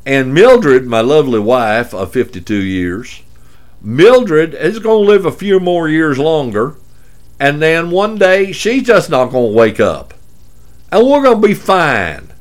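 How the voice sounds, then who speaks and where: A man's voice: a little high, big pitch swings, a little slow, voice pushed up. A man putting on a complacent elderly retiree with a folksy Texan drawl. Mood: smugly folksy.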